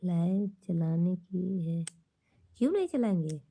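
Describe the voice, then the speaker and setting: A woman's voice: on the low side, expressive, a little slow, creaky, mellow. A woman with an Awadhi-tinged Hindi accent, chatting casually on her livestream and bluntly scolding rude commenters. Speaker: livestream host. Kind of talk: casual livestream chat with viewers.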